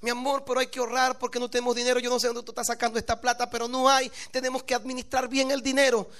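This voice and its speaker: A male pastor voicing a worried, thrifty young wife in a sermon story, pleading and hurried. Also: very high-pitched, flat delivery, a bit bright.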